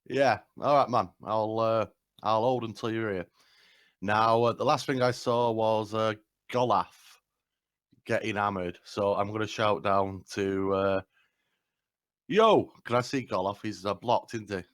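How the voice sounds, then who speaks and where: A man playing a tabletop game, briskly describing and voicing his character's moves. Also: on the low side, steady tone, fairly bright tone, no room sound, studio quality. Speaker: player. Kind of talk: tabletop role-play, acting out his character.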